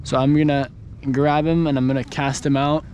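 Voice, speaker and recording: A young man fishing from a kayak on the open ocean walks through his gear as he handles it, calm and instructional, like the vlogger he is. Recorded outdoors on a mounted action camera, his medium-pitched voice moves at a moderate pace, with the highs cut off and slight hiss or hum.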